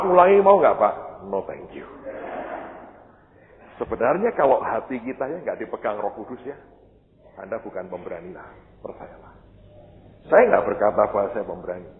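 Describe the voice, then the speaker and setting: Animated preacher in an echoey hall. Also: male voice, on the low side. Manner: storytelling, acts out dialogue, jokey asides. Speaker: pastor. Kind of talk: sermon. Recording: echoey hall, muffled phone-like sound, faint noise.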